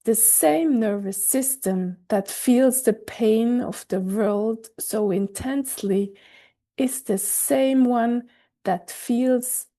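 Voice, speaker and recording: A woman hosting her own podcast, speaking a scripted reflective monologue with a gentle, reassuring delivery. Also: fairly high pitch, slow pace. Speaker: podcast host. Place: recorded in Switzerland.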